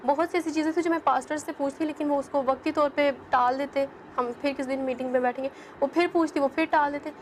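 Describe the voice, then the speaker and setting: A young woman from Pakistan with a high, light voice tells her own story as an interview guest. She speaks earnestly and keeps assuring the listener to believe her. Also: steady tone, hardly any pauses, slight background noise. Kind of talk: personal testimony in an interview.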